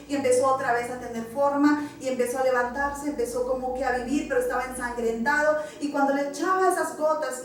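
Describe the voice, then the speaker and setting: High-voiced woman pastor preaching. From Peru. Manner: emotional testimony, addressing the congregation. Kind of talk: sermon. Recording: echoey church hall, distant mic, faint music.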